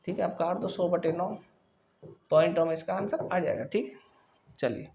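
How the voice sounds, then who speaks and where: A man's voice: high voice, steady tone, moderate pace, vocal fry, a little mellow, highs cut off. Man teaching maths step by step. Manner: explains step by step, often checking with "ठीक है". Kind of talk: classroom maths lesson.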